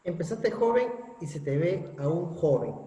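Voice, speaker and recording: A man's voice: on the high side, lively intonation, measured pace, mellow, dull audio. A man with a Peruvian Spanish accent interviewing a guest, stumbling and repeating words as he phrases his questions. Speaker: interviewer, channel director. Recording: echoey roomy sound, long reverb.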